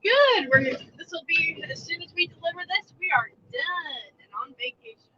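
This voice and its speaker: A woman, co-hosting a live stream from a truck and chatting through viewer comments in an animated, laughing way. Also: very high-pitched, brisk, highs cut off, a little hiss or hum. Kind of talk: casual live-stream chat reading comments. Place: inside a truck cab on the road.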